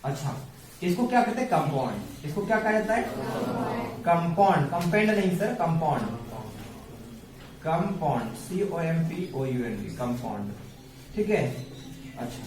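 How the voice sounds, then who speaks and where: A man's voice: a little high, sing-song, normal speed, long pauses, crowd noise. A male teacher giving a classroom science lesson, firing repeated questions at the students and answering them himself in a call-and-response drill. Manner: calls students "babu" affectionately. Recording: echoey room, voice far from mic, background noise.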